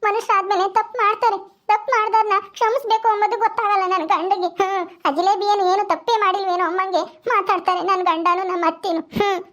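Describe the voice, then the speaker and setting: A woman's voice: very high voice, fairly even intonation, fast, hardly any pauses, a bit bright, lo-fi sound. A sorrowful village wife, as a woman acts her out. She laments with frequent sighs and hums of grief. This is a homespun village comedy skit. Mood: lamenting. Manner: tearful, lamenting, sighs often.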